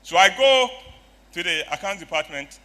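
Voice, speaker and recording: An older man telling a story at a conference, acting out the dialogue with sudden loud bursts. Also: high-pitched, lively intonation, normal speed. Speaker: motivational speaker. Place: conference stage.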